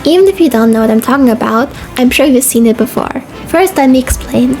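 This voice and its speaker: A young woman who hosts video essays and streams reads a casual, scripted narration informally over background music, now and then stumbling on long words. She sounds high-pitched and brisk, with lively intonation.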